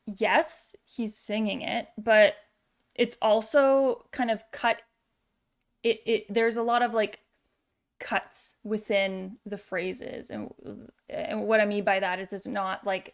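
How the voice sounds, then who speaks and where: Slow, halting woman reacting to music. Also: medium pitch. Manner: searching for words, halting with many fillers. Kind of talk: casual reaction commentary.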